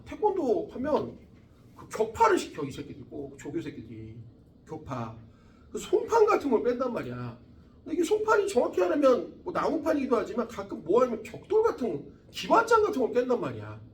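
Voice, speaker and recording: Animated man lecturing a class, echoey. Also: high-pitched, a little hiss or hum. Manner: casual and profane, acts out quoted soldiers. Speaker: science lecturer. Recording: echoey room from far off.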